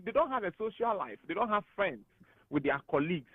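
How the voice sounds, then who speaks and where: A man with a Ghanaian English accent, speaking as a guest analyst on a radio talk show, animated and emphatic. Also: high-pitched, brisk, breathy edge, no room sound. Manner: animated and emphatic, laughs often. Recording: tinny phone-like radio studio sound.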